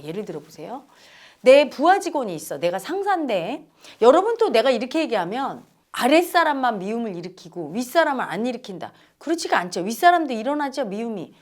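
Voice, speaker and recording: Lively, high-voiced woman teacher. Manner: lively, acts out quoted voices, asks the audience questions. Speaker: spiritual teacher. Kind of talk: dharma talk.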